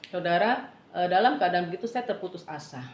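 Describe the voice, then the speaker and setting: A middle-aged woman giving a personal faith testimony in an earnest, halting way, often turning to address her listeners directly. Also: lowish voice, lively intonation, a little hiss or hum. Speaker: testimony speaker. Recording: roomy, dull lo-fi recording.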